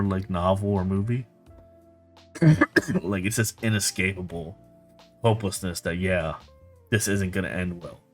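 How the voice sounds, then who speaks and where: Deep voice dude talking books, loose and sweary, lots of likes, quiet music behind. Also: male voice. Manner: casual and profane, full of fillers and restarts. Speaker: book reviewer. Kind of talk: casual video monologue.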